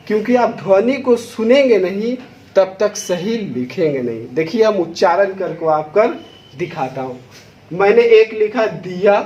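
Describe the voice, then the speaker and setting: A man teaching a Hindi lesson, addressing students directly and sounding out each syllable with deliberate stress. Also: high voice, a little mellow, reverberant, muffled recording, slight background noise. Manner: slow, stressing each syllable aloud to demonstrate. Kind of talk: classroom lesson.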